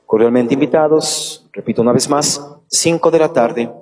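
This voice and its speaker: A man's voice: mid-range voice, normal speed, a crowd in the background. Solemn male priest, congregation around him. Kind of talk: liturgical prayer, blessing and parish announcement. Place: church during Mass. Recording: church congregation audible around voice.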